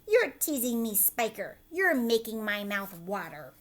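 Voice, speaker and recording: A greedy older aunt in a children's storybook, played by a woman reading aloud. She is loud, demanding and full of scornful disbelief, with a lively, swinging pitch. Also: a little slow. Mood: scornful, disbelieving.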